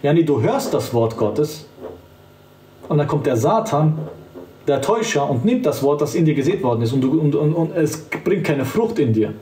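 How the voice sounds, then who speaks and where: A man's voice: fairly high pitch, expressive, normal speed, warm tone, a little hiss or hum. Fervent male preacher, roomy and distant. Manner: fervent, emphatic, addresses the listener directly. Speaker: evangelist. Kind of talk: street-style preaching to camera.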